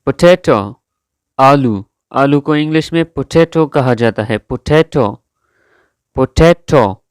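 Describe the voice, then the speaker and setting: Slow, deliberate male teacher. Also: medium pitch, clear, resonant tone, no room sound, clean studio sound. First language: Urdu. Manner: drawn-out, careful pronunciation drills. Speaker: English vocabulary teacher. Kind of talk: slow vocabulary lesson, repeating each word.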